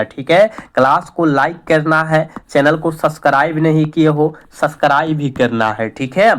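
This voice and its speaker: Man, Bihari accent, high voice, teacher, exam revision lesson, coaxing, repeats every question. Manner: coaxing, keeps repeating questions and calling students "babu".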